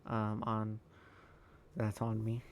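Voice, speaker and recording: A man recording a tired, halting voice-over over his own sports video game footage, full of ums and uhs. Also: monotone, creaky, a little hiss or hum. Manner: low-key, halting, lots of ums and uhs. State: tired, yawning. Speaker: gaming YouTuber.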